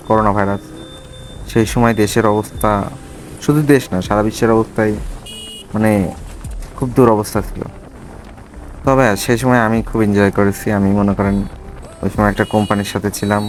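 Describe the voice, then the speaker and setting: A man's voice: lowish voice, a little hiss or hum. A man with a Bangladeshi accent chats casually and reflectively to viewers as he rides, speaking from inside a motorbike helmet. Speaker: motovlogger. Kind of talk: casual riding vlog chat.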